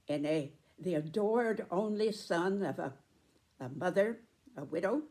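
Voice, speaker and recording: A woman in her nineties giving a reflective spoken commentary, with deliberate, emphatic phrasing and pauses. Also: lowish voice, darkish tone. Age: 90s.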